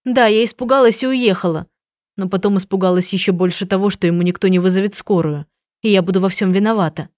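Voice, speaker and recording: A woman reading an audiobook, voicing a frightened, tearful young woman who pleads in a high, shaky voice. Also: fast, a little mellow, dry recording, clean studio sound, lightly acted. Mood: confessing.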